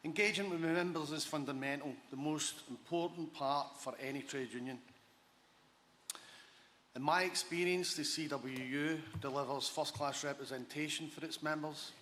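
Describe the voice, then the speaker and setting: A man with a Scottish accent giving a formal, measured conference speech as a union official, pausing between phrases. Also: on the high side, fairly even intonation, fairly bright tone. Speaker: union regional official, delegate. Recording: faint background ambience noise.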